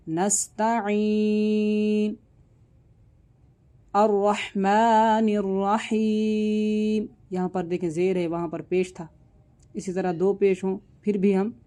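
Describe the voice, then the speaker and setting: Slow, mellow-voiced male tajweed teacher. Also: sits high. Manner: patient, explanatory, stretches out example words when reciting them. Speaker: Quran recitation teacher. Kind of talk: online tajweed lesson.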